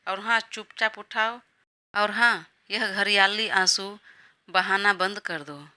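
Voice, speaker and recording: A woman's voice: mid-range voice, fairly even intonation, slow pace, bright, forceful tone. A woman voicing a defiant young bride who complains and schemes against her husband.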